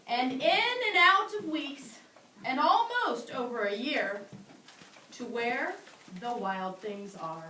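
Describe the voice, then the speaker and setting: A young woman teaching a class, reading a storybook aloud with animated, dramatic delivery and asking the children questions. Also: high-pitched, slow, a little hiss or hum. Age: young adult. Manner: animated, swells loud for dramatic lines, drops soft for quiet ones. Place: school classroom. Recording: echoey classroom from far off.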